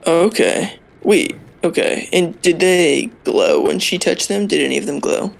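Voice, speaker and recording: A man's voice: high-pitched, unhurried, vocal fry. A man playing a tabletop game, talking in a chatty, questioning way with casual slang. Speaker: player.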